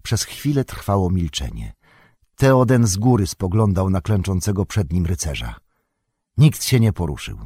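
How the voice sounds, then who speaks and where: A man narrating a fantasy audiobook in a steady, measured way. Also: deep voice, slightly rough, no echo, studio quality.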